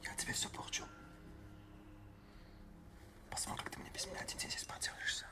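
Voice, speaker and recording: An actor playing a young male soldier prisoner who speaks curtly and often drops to a hushed whisper. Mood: whispered reproach. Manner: quiet, hushed whispering in private talk. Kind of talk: film drama acting.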